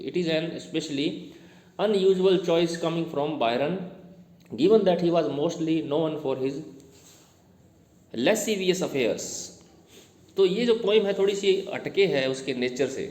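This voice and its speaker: A male teacher giving a classroom lecture: he reads English text slowly, explains it in Hindi, and quizzes his students as he goes. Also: on the high side, darkish tone. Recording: echoey room with long reverb.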